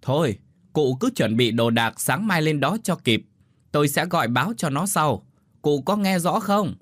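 A man voicing a loud, bossy elderly village woman who shouts and fusses at her deaf neighbor in an audio story. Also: medium pitch, sing-song, brisk, dry recording, voice pushed up, natural voice. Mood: fussing. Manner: shouting, urgent, scolding.

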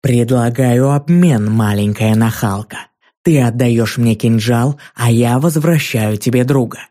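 A man voicing a huge, vain fiery female giant who roars slow threats, in an audiobook reading. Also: medium pitch, mellow, lightly acted. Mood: greedy.

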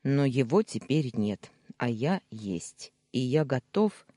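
An audiobook reader voicing a pleading, insistent young man who talks slowly and with feeling. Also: mid-range voice, very animated, mellow, no room sound, clean studio sound. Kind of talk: audiobook character reading.

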